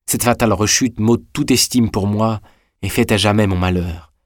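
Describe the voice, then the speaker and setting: A man's voice: fairly low pitch, moderate pace, dry recording, studio quality, close to an everyday voice. A man reading aloud, voicing a young woman torn between love and shame, with a tearful, pleading delivery. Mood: anxious.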